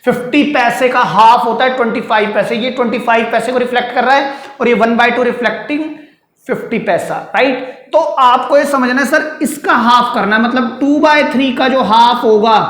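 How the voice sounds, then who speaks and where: In an echoey classroom, a man with a very high-pitched, fairly bright voice teaches maths at a board at a moderate pace. He explains each step, puts questions to his students before answering them himself, and calls them "beta" and "sir".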